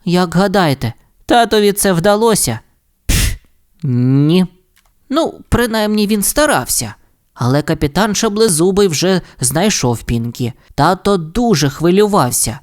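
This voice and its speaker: A man narrating a children's audiobook story in an expressive, playful way. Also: high-pitched, measured pace. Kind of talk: audiobook fairy tale narration.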